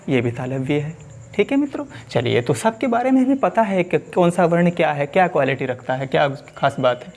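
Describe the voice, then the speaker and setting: A man teaching an exam-prep lesson, asking questions and repeating them to his viewers. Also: sits high.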